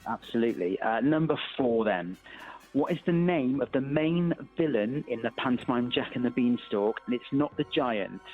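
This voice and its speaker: A man's voice: medium pitch, animated, moderate pace. A man with a Wiltshire accent chatting casually as a radio quiz guest, jovial and teasing. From Wiltshire, England. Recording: slightly dull radio audio, music underneath.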